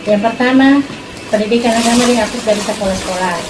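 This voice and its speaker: A woman's voice: fairly high pitch, quick pace. A woman earnestly arguing a political point, asking rhetorical questions to her listeners. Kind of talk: persuasive casual talk. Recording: echoey room with background noise.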